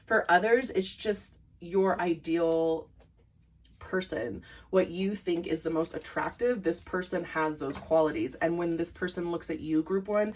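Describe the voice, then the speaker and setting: A woman's voice: low voice, a little hiss or hum. A woman giving a tarot reading to her viewers, chatty and full of "like", breaking into frequent giggles. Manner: chatty, filler-heavy with repeated "like". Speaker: tarot reader.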